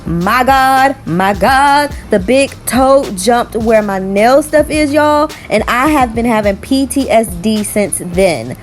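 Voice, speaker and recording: A young woman chatting casually in a nail art vlog, talking in a lively, storytelling way full of "like" and "y'all". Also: on the high side, measured pace, hardly any pauses, faint music behind. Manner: chatty and animated, telling stories with lots of "like" and "y'all".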